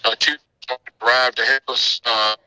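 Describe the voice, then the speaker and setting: Man, police chief, cut-off phone transmission, urgent halting speech, very sharp tense voice, dry sound. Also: mid-range voice, level tone, no echo, poor audio. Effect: cut-off, breaking-up phone transmission. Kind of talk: live phone report.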